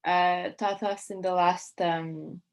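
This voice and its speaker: A woman student in a meditation class asking hesitant questions, with many pauses and fillers. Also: lowish voice, level tone.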